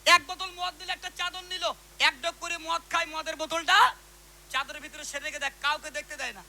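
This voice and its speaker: High bright preacher guy, talks real fast, animated, keeps calling out to the crowd. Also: slight background noise, rough recording. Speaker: ghazal singer and preacher. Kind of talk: storytelling religious talk to a live audience.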